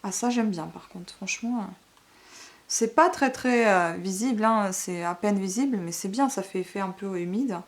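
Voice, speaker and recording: A woman vlogger chatting casually through a beauty unboxing, full of fillers and little tag questions, sometimes dropping to a soft half-whisper. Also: mid-range voice, normal speed. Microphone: camera microphone.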